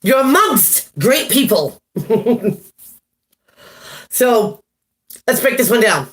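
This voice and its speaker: A woman's voice: fairly high pitch, big pitch swings, very slow. A woman giving a casual live-stream tarot reading, chatty, laughing at her own jokes and greeting viewers by name. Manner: chatty, laughs at herself often. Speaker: tarot reader.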